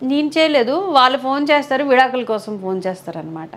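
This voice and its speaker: A woman's voice: high voice, brisk. A middle-aged woman with a Vizag Telugu accent, speaking candidly and emphatically as an interview guest. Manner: emphatic, animated, quotes others in lively voices. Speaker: interview guest, mother of a contestant.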